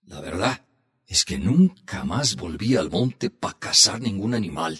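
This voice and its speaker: A man reads as an old grandfather, spinning a hunting tale for the kids. The voice is low and very husky, and it swings widely in pitch as he slows down for the tense moments of this storybook tale. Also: lively intonation, a bit bright, full character voice. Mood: reminiscing. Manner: slow, heartfelt storytelling. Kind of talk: storybook reading.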